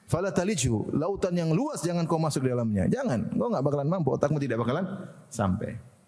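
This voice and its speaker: Preacher asking the audience questions. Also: male voice, a little high, very animated, brisk, mellow, long reverb tail. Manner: asks the audience rhetorical questions, laughs often. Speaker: Islamic preacher. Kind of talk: religious lecture to a congregation.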